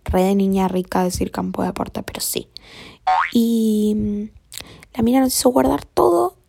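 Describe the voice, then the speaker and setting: A woman's voice: medium pitch, moderate pace, vocal fry, warm tone, slightly rough, dry recording, studio quality. A young woman with an Argentine accent tells a story in a casual, chatty way. She swears a lot, uses plenty of slang and often drops to a whisper. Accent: Argentine Spanish.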